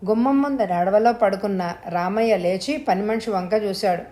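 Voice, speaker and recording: A woman reads a suspense story aloud in a steady, scripted narration. Her delivery is even and measured, building tension through pacing. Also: mid-range voice. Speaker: audio story reader.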